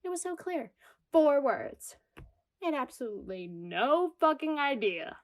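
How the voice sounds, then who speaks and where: The lead actor in a radio comedy, a woman, delivers a monologue as an anxious single New Yorker spiraling into an existential crisis, sounding agitated, wry, confessional and self-deprecating. Her high voice is sing-song and measured in pace.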